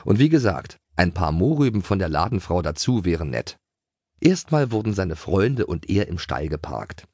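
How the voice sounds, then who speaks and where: A man narrating a children's audiobook in a playful, expressive way. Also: sits low, normal speed, dry recording, studio quality.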